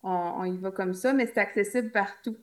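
A woman with a Québécois French accent chats as a podcast guest. She tells stories at length in a casual way, slipping in jokey asides, her voice sitting at an ordinary medium pitch. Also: a little fast. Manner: chatty storytelling, jokey asides. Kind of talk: casual chat.

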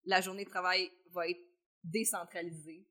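A woman's voice: on the low side, little pitch movement, normal speed, sharp tone. A woman with a Quebec French accent telling stories in casual chat.

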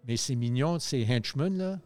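A man, telling stories in a loose, animated way on a radio chat show, full of fillers and restarts. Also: medium pitch, a little slow, soft background music.

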